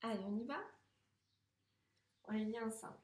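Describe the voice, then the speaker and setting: A woman teaching first graders to read, speaking slowly and patiently, sounding out syllables and gently encouraging the child. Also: on the high side, slight background noise. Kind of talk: slow, patient reading lesson for young children. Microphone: camera. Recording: echoey room.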